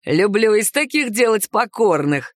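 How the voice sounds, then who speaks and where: A woman reading aloud and voicing an arrogant, boorish young werewolf man with a slow, leering, self-assured drawl. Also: medium pitch, sing-song, no echo, clean studio sound. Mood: smug. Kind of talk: audiobook character voice.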